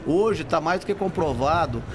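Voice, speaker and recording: A middle-aged Brazilian man, a public bank housing executive appearing as a podcast guest, explains things enthusiastically in a conversational interview. He speaks at normal speed in a fairly high voice with lively intonation, against the busy noise of a trade fair.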